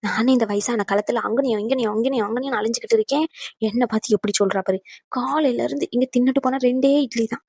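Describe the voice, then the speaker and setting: A scheming older mother from a cartoon grumbles and plots in a rapid stream of words, played by a woman. Her voice sits a little high. The sound is dry and close. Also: darkish tone, slightly rough, no room sound. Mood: grumbling. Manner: grumbling, wheedling. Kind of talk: cartoon voice acting.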